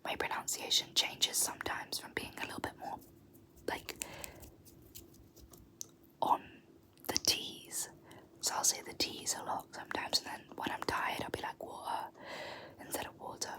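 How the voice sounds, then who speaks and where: A young British woman, an ASMR creator, whispers softly in a video, slowly repeating words for pronunciation and letting out small laughs.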